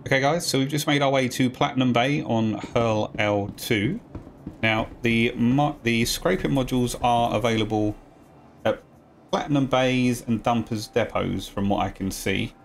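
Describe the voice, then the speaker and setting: A man talking viewers through a video game tutorial step by step, in a relaxed, casual voice-over. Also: mid-range voice, normal speed, gravelly. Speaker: gaming guide creator.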